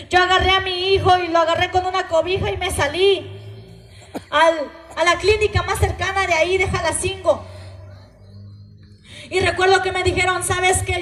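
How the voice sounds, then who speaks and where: A woman's voice: very high-pitched, fairly bright tone, echoey room. A woman with a Mexican Spanish accent telling an emotional, earnest testimony to a church congregation. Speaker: testimony speaker at a church gathering. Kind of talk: spoken testimony.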